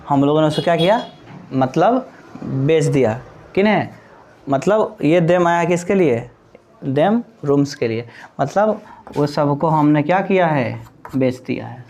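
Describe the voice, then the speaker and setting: A male English teacher with a voice on the high side and a darkish tone gives a classroom grammar lesson, mixing Hindi with English terms. He explains by asking the class questions and answering them himself.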